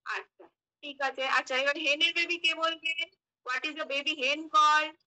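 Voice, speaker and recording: A woman runs a demo lesson for young children. She spells English words one letter at a time and asks the class questions before giving the answers. Her voice sits high and sounds very bright. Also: steady tone, unhurried, rough recording. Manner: mixes English phrases into the lesson. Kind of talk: mock classroom teaching.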